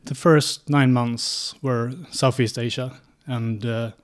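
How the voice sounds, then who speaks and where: A Swedish man in his thirties, a guest on an interview podcast, telling his story in a steady, methodical way with frequent pauses. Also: medium pitch. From Sweden. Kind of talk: casual interview answers.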